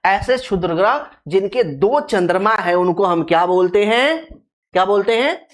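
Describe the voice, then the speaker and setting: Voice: medium pitch, expressive, moderate pace. Teacher drilling terms by repetition. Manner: repeats key terms, poses questions and answers them itself; stretches out terms syllable by syllable for emphasis. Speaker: geography teacher. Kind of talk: exam-prep classroom lecture.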